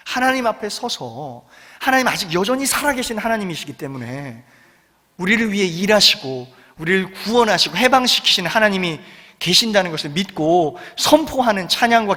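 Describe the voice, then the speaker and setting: A man's voice: high voice, pushed and bright, big-room sound. A man preaching a sermon as pastor, telling the story dramatically and asking the congregation to repeat lines after him. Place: church sanctuary.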